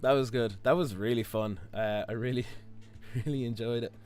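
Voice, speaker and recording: A hoarse Irish man with his voice stuck low, chatting casually while live-streaming a game, rambling with lots of fillers and restarts. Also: fairly even intonation, moderate pace, darkish tone. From Ireland. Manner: rambling, many fillers and restarts, chuckles often.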